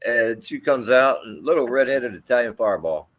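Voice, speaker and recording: An animated man, a middle-aged army veteran with a deep, carrying voice, tells a personal story in an interview. His speech is halting, full of fillers and restarts.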